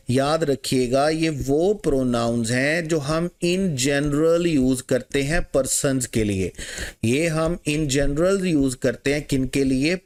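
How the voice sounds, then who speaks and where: A man teaching an exam-prep lesson. He poses questions to the class, answers them himself and mixes English terms into his Urdu. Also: fairly high pitch.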